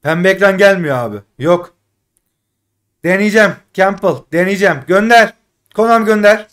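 A man doing casual live commentary while opening game packs, frustrated and pleading, swinging between loud outbursts and muttering. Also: sits high, moderate pace. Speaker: gaming streamer.

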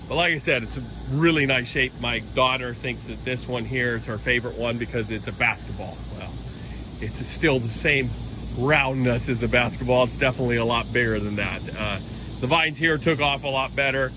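A man's voice: mid-range voice, moderate pace, background noise. A middle-aged man giving a casual, rambling walking tour of his giant pumpkin garden outdoors, filmed on a handheld phone. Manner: relaxed, rambling, explains as he walks.

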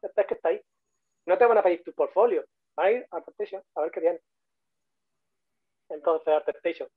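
Speaking at normal speed in a high-pitched, slightly rough voice with no echo, a Spanish man with a Spanish accent gives an informal online talk. He's a guest speaker and 3D modeler on a video call, chatty and repeating things for emphasis, with tinny phone-style audio.

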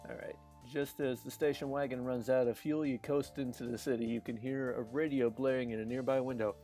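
Guy rambling while he streams a zombie game, laughs a lot, quiet music behind. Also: medium pitch, steady tone, brisk. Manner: chatty and rambling, laughs often, restarts sentences. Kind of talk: casual live-stream commentary.

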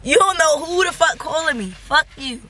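A woman's voice: high voice, expressive, normal speed, sharp tone. A young woman vlogging casually in a car and at a gas station at night. She is blunt and playful and talks straight to her viewers. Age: young adult. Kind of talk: casual chat.

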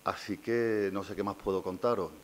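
A man's voice: fairly low pitch, fairly even intonation, moderate pace, a little hiss or hum. A man in his forties from southern Spain with an Andalusian accent, giving an informal, unscripted thank-you speech and searching for words. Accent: Andalusian Spanish. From Linares, Andalusia, Spain. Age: 40s. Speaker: invited festival speaker, a designer. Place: small indoor meeting room. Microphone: gooseneck desk microphone.

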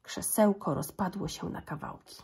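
Breathy woman reading a fairy tale. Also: medium pitch, moderate pace. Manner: gentle, expressive read-aloud. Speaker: storyteller.

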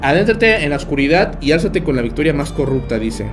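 Over background music, a young man with a Mexican Spanish accent livestreams a game from a small bedroom, his voice a little high, brisk, and full of big pitch swings. He chats with viewers and tells stories, joking and laughing often.

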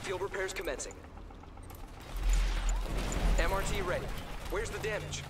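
A man's voice: sits high, unhurried, over loud music. Polite butler-like repair crewman. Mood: servile. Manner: courteous and servile, eager to help. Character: polite, butler-like male crew of a repair vehicle. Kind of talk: video game unit responses. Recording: game audio over battle sounds. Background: dense game sound effects.

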